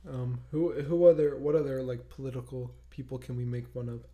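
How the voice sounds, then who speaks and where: A man's voice: mid-range voice, steady tone, fairly quick, mellow. A young man co-hosting a livestream, joking around casually and reading out chat comments. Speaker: livestream co-host.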